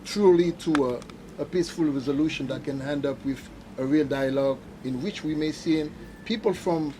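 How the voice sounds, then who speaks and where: Man, reporter, higher voice, halting question, many fillers, noisy background. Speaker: journalist. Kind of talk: press question.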